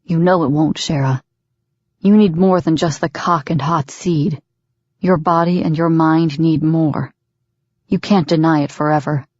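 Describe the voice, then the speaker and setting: A woman reading the part of a rough-voiced, dominant grown man in an audiobook, with clipped, commanding delivery. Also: fairly even intonation, a little slow, a little mellow, no room sound, muffled recording. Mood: stern. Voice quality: rough, low-pitched. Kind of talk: audiobook character voice.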